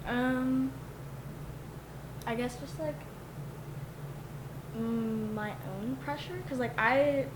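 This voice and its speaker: A young woman, an illustrator, talking haltingly in a podcast interview, full of fillers. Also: a little high. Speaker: book illustrator. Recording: roomy, with clear noise.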